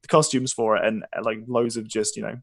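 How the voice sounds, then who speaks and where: A man's voice: on the low side, little pitch movement, fast, gravelly, dry recording. Casting: male game master narrating a tabletop session, informal and self-deprecating, conversational delivery.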